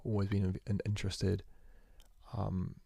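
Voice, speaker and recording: A young man, a university student, rambling through a casual spoken journal into his phone, talking fast and correcting himself as he goes. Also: low-pitched, completely flat delivery, gravelly, dark tone, husky, no echo, studio quality. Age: young adult. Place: indoors at home. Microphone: phone recording.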